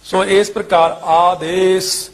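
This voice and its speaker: High-voiced man chanting and explaining scripture. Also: level tone. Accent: Indian Punjabi. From Indian Punjab. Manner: chants verses in a lilting tone, then explains each word deliberately. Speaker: Sikh scripture teacher. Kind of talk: pronunciation lesson with chanted scripture.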